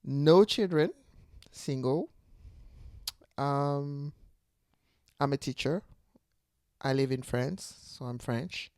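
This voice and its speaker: A channel host and teacher from Ivory Coast, a woman in her forties, speaks unscripted to camera, reflective and searching for her words. Her bass voice is slow and a little mellow, with frequent pauses, and the studio sound is clean with no echo.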